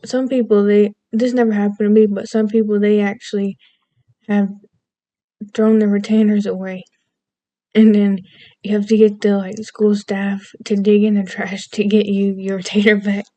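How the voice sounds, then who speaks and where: A woman's voice: mid-range voice, little pitch movement, normal speed, mellow. A woman vlogger with an American accent and a slight Southern lilt, rambling casually and goofily from topic to topic, often losing her thread. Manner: meandering, self-interrupting, goofy.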